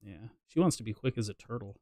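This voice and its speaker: A man's voice: on the low side, lively intonation, fast, a little mellow, no room sound, studio quality. A man streaming a game and chatting casually, a rambling storyteller who teases and jokes. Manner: rambling storyteller, teasing and jokey. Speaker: gaming streamer. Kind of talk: casual chat while playing.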